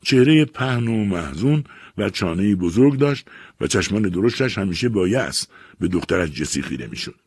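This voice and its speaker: A man narrates a literary story in a measured, expressive reading voice. His voice is deep and husky, with lively intonation, recorded close and dry. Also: no echo. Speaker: audiobook reader.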